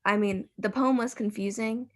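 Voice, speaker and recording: A woman's voice: mid-range voice, steady tone, unhurried. A woman student hesitantly sharing her view in an online class over a video call. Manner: hesitant, soft. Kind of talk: class discussion.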